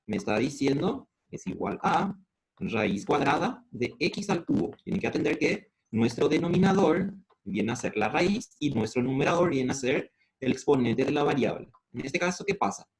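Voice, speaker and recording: The recording is low quality, with slight background noise, and captures a man's mid-range, creaky voice with lively intonation. He is a math teacher with a Paraguayan Spanish accent teaching integrals step by step, answering his own questions to the class and slowing down at formulas.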